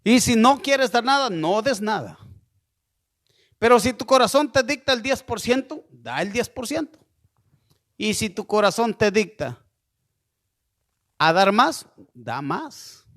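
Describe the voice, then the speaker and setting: A man preaching a sermon slowly and deliberately, often checking in with listeners with a questioning "¿sí?" and asking them to send in messages. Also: high-pitched, big pitch swings, a bit bright. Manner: slow, deliberate preaching with frequent rhetorical "¿sí?".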